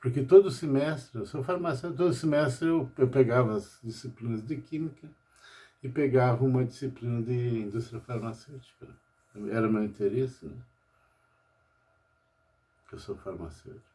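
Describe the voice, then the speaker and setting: A man's voice: medium pitch, moderate pace, dark tone. An older man from Brazil, a pharmacist talking about his life at home in a rambling personal monologue, tagging nearly every phrase with "né?".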